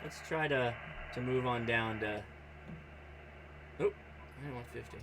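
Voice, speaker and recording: An amateur radio streamer, a man with a mid-range voice, talks at a measured pace while working his radio on a livestream. He chats casually and thinks out loud, sounding distracted, against a noisy background.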